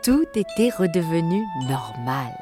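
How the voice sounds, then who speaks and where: A woman narrating an audiobook in a lively, animated storytelling voice. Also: lowish voice, measured pace, music in the background.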